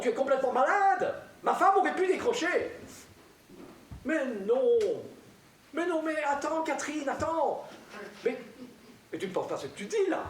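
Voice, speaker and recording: A man's voice: very high-pitched, exaggerated voice. A man playing a flustered, cheating husband. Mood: flustered pleading. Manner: flustered, hurried, keeps brushing people off. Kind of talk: stage comedy acting. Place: theatre stage. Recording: echoey theatre hall from a distance, faint noise.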